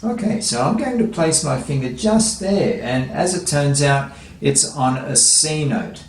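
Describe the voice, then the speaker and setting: A man's voice: a little high, lively intonation, measured pace, slight background noise. A man teaching a children's guitar lesson, explaining each step patiently. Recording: echoey room, faint guitar music.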